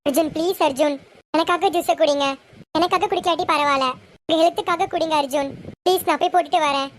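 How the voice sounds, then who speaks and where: Young woman doing a devoted young wife, pleading, very high voice, fast, home serial. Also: steady tone, a little hiss or hum. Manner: pleading, gentle.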